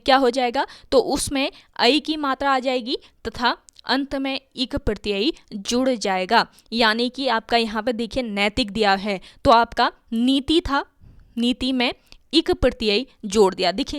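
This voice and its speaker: Female tutor, slightly high voice, dry close recording, patient explainer who quizzes and answers herself. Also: a bit bright, smooth, no room sound. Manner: explains step by step, asks and answers her own questions. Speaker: teacher. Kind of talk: exam-prep grammar lesson.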